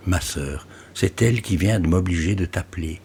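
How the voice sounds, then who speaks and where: A man playing a lovestruck man with a deep bass voice who speaks low and gently in this audiobook. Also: normal speed, gravelly, a little hiss or hum. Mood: tender.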